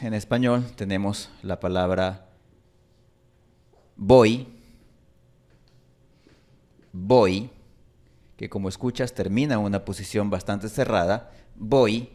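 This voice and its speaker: A man teaching pronunciation, explaining sounds calmly and repeating example sounds slowly to demonstrate them. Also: on the low side. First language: Spanish. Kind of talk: slow explanatory lesson.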